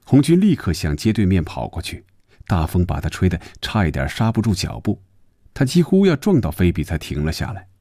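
A man with a very deep, dark, mellow voice reads a story aloud at a measured pace. His delivery is expressive and swings widely in pitch, and the sound is dry and close, as in a broadcast storybook reading. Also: no echo. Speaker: narrator.

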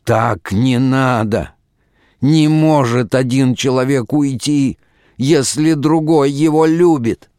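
A man's voice: mid-range voice, slow pace, warm tone, smooth, no echo, studio quality, pitched above the performer's own voice, lightly acted. A man voicing a self-pitying middle-aged husband in an audiobook, nasal and drawling, declaiming melodramatically. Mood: pleading. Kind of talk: audiobook reading.

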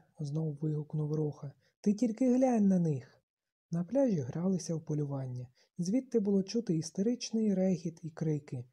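An audiobook narrator voicing a shrill, fretful plump boy with a husky, dark voice.

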